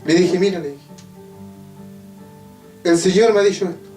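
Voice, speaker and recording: High-voiced Chilean preacher in an echoey hall. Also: male voice, darkish tone. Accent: Chilean Spanish. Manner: preaching with drawn-out, emphatic phrases and repeated refrains. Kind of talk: evangelical sermon testimony. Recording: echoey church hall from a distance with faint guitar. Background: faint guitar playing.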